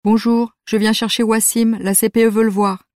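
A woman's voice: a little high, flat delivery, moderate pace, darkish tone, dry recording, studio quality, close to an everyday voice. A woman voicing a stern, weary school supervisor.

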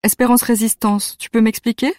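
A woman voicing a calm adult school counselor who questions a pupil. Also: on the high side, fairly quick, no room sound, clean studio sound, close to an everyday voice. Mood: probing.

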